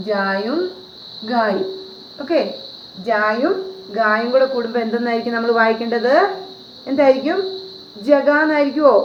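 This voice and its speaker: Patient woman teaching a lesson. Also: fairly high pitch. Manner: patient, repeats and asks rhetorical questions. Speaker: Hindi teacher. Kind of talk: classroom-style video lesson. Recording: roomy, dull lo-fi with faint noise.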